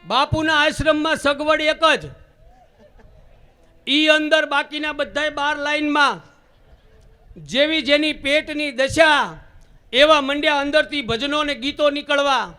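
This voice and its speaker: High-voiced stage comedian. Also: male voice, soft background music. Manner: lively storyteller who breaks into drawn-out singing of devotional lines. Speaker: stage comedian telling jokes. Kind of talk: live Gujarati folk comedy storytelling.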